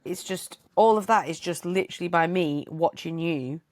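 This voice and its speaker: A woman's voice: lowish voice, moderate pace, a little mellow, no echo. A woman co-hosting a podcast in casual chat, hesitant with many restarts. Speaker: podcast co-host.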